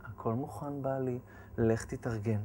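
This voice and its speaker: A man voicing his calm, organized pregnant wife, speaking softly and slowly. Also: medium pitch, natural voice. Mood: calm, reassuring. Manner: soft, slow and reassuring.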